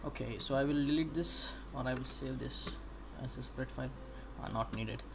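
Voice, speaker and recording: A young man with an Indian English accent, an animation student thinking aloud while he works. He talks haltingly, with many pauses as he explains. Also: mid-range voice, gravelly. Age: young adult. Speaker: animation student streaming practice. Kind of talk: casual think-aloud livestream. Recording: steady background noise.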